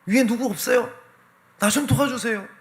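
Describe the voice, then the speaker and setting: A man voicing a panicked young man who hangs from a branch and pleads loudly for help. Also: extremely high pitch, moderate pace, voice pushed up. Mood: desperate. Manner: pleading, frantic, raised voice.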